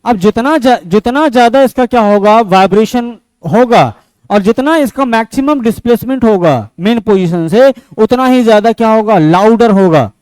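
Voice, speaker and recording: High, clear-voiced male teacher. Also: normal speed, dry recording, poor audio. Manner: asks and answers his own questions; switches between loud and soft speech. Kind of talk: classroom physics lecture.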